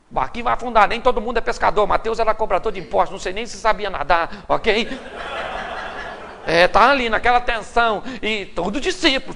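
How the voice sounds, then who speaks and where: A man's voice: high voice, creaky, a little hiss or hum. A Brazilian Portuguese-accented man preaching a sermon to a live audience, telling stories with humor and acting out the quotes. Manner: humorous, animated storytelling with acted quotes. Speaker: pastor. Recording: live hall recording with long reverb.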